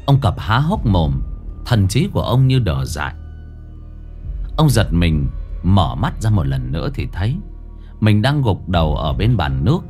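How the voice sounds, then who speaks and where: A man's voice: low-pitched, sing-song, unhurried, a little mellow. A man narrating a scripted ghost story in a dramatic, suspenseful way. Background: faint background music.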